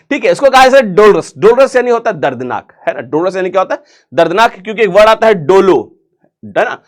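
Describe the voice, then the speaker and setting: In an online exam-prep lesson, a man with a high, sing-song voice teaches vocabulary at a slightly quick pace. He keeps it chatty and jokey, posing questions and answering them himself, and pronounces English words with an Indian accent.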